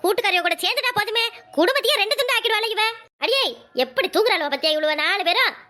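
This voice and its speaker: A woman voicing a fast, nagging cartoon mother. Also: extremely high pitch, expressive, full character voice. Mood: scolding. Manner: sharp, nagging scolding. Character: bossy scolding mother of the household. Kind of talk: cartoon comedy voice acting.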